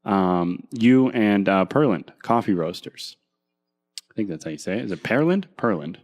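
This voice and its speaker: A man with a fairly low voice co-hosts a relaxed podcast chat. He ribs his partner, laughs often and keeps the talk moving. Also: normal speed. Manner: laughing, teasing banter. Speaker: podcast co-host. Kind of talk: casual chat.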